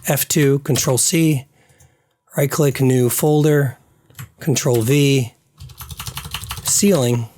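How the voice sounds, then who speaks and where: A man's voice: medium pitch, fairly even intonation, slow pace, pauses often, darkish tone, a little hiss or hum. A man thinking aloud as he works through a game-building session on screen, muttering to himself and trailing off, his voice starting to give out. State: losing his voice. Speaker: game developer.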